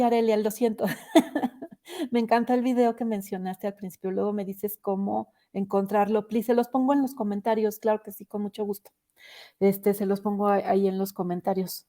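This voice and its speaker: A woman hosting a live stream, reflecting gently and reading viewer comments with frequent "este" fillers. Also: mid-range voice.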